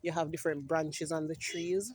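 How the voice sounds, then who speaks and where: Woman, farm project rep, low-pitched and warm, passionate tour-guide delivery, greenhouse setting. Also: steady tone, moderate pace. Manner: passionate, often adds "right?"; clears her throat now and then. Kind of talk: walking greenhouse tour talk. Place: inside a greenhouse.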